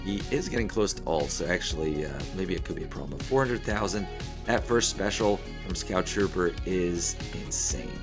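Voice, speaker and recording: A man in his thirties with a hoarse, failing voice, giving casual game commentary as host of a gaming video. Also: sits low, normal speed, music in the background. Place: small room indoors at a desk.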